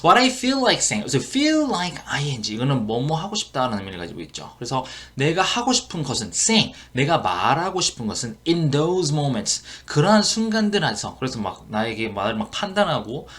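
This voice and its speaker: Man teaching English phrases with lively pitch. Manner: explains phrases slowly, repeating English lines word by word; casual teaching talk with frequent fillers. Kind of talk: English listening lesson.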